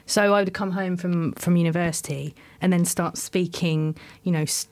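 A woman's voice: lowish voice, steady tone, normal speed, a little mellow. A young woman, chatting casually as a talk show panelist and quizmaster. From London, England. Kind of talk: casual chat.

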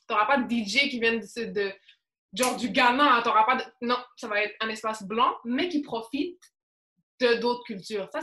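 A woman's voice: a little high, pushed and bright. A young woman with a Quebec French accent, speaking emphatically with lots of slang in a casual discussion. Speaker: panel discussant. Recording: echoey room.

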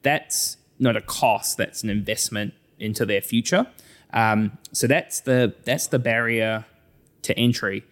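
In a relaxed interview, a financial adviser with a New Zealand accent explains things at an unhurried pace in a lowish voice. He frequently acts out hypothetical clients to make his explanations clearer.

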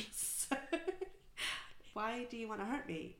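A woman co-hosting a casual chat podcast, emphatic and animated, laughing often. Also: on the high side, slow, roomy sound. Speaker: podcast co-host.

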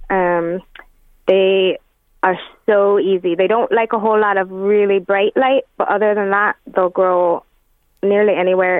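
A woman with an Arizona American accent softened by an Irish Donegal lilt, giving gardening tips as a guest in a casual radio interview, encouraging and plain-spoken. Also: mid-range voice, no room sound. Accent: Arizona American with a touch of Irish Donegal lilt. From United States, Arizona. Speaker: guest plant expert. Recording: narrow phone line.

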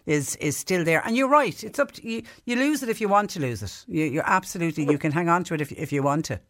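A man with a southern Irish accent and a bit of Cork in it speaks in a high register. He sounds close and dry, putting questions and chatting as a radio interviewer. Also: animated, quick pace, a bit bright, no room sound. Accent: southern Irish, with some Cork. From Clonmel, County Tipperary, Ireland. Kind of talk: conversational interview.

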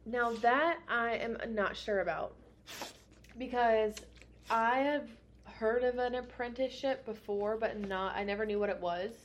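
A woman's voice: on the high side, unhurried, a little hiss or hum. Frank, rambling young woman stylist. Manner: rambling, frank, swears freely. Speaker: hairstylist and podcast co-host. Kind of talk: casual podcast chat. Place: United States.

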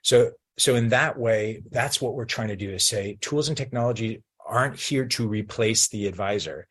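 A man with a fairly low, husky voice speaks as an interview guest. He explains things in a conversational way. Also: moderate pace, a bit bright. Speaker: guest, financial industry professional.

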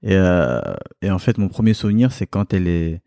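A man's voice: low-pitched, brisk, mellow, no echo, studio quality. A man from Cameroon, a guest in a home interview, talking candidly and reflectively and laughing easily. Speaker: podcast guest, kickboxing champion. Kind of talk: relaxed interview talk. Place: living room at his home.

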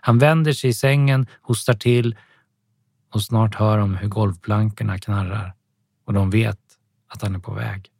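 A man narrating a story calmly and evenly, with soft music behind him. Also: fairly low pitch, gravelly, breathy edge, dry recording. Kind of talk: scripted audiobook narration.

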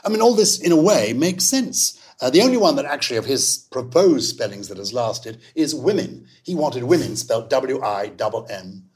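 A man's voice: medium pitch, sing-song, moderate pace, hardly any pauses, darkish tone. A man hosting a podcast, talking in a playful, enthusiastic way. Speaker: podcast host. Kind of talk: lively conversational chat.

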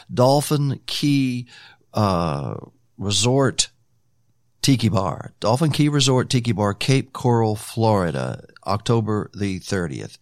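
Folksy male radio host, lively rambling delivery, dry studio sound. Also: mid-range voice, dry recording. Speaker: radio countdown show host. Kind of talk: casual radio chat.

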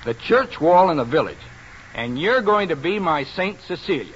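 An actor playing a bitter, moody painter husband in a 1940s radio drama, brusque and swinging from eager to curt. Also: male voice, fairly high pitch, big pitch swings, normal speed. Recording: dull old radio broadcast, faint hiss.

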